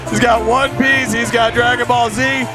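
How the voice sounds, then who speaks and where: High-pitched man giving upbeat live fight commentary. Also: flat delivery, moderate pace, a crowd in the background. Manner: upbeat, enthusiastic. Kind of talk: live MMA commentary, conversational. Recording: loud music and noise behind the voice.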